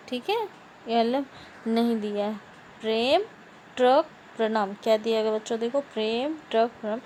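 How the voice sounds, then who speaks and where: Woman, teacher, slow pace, fairly high voice, repeats questions to pupils. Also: slight background noise. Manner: slow, repeats words and asks the class questions. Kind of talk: grammar lesson for schoolchildren.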